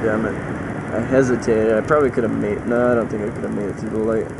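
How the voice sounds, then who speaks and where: A man's voice: lowish voice, level tone, quick pace, vocal fry. A man casually rambling in a motorcycle vlog, often interrupting himself and swearing mildly, talking from inside a helmet as he rides. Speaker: motorcycle vlogger. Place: riding a motorcycle outdoors. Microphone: microphone inside a motorcycle helmet. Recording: inside a helmet, loud engine and wind noise.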